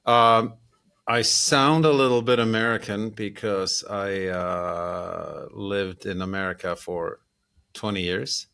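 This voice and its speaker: A man in his fifties from Iceland, a composer chatting relaxed in an interview, laughing easily, with many fillers. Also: on the low side, slow pace, creaky, clean tone. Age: 50s. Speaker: composer, guest. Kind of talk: casual interview chat.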